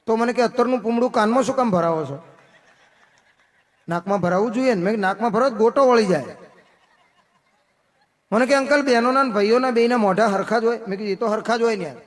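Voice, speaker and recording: A man telling comic stories at a folk festival, playing every part of each joke himself. His speaking voice sits unusually high, and he turns quieter and lower whenever he answers as himself. He speaks into a stage microphone. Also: fast, long pauses. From Gujarat, India. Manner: tells jokes as dialogue, drops voice lower and quieter for his own replies. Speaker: stage comedian. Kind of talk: live folk comedy storytelling.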